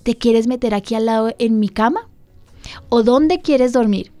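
Woman pastor-host, earnest and pleading, slightly high voice. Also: normal speed, dark tone, soft background music.

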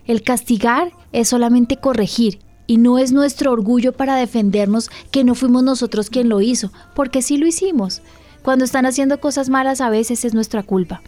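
Earnest woman pastor, slightly high voice. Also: moderate pace, dark tone, no room sound, soft background music. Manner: earnest, questioning her co-host, breathing advice. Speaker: pastor and radio program host.

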